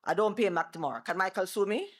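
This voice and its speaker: A middle-aged Jamaican woman, an attorney and former bar president, gives a loud, animated seminar with worked examples before a live audience in a seminar room. Her medium-pitched voice races along, and she sometimes moves away from her microphone.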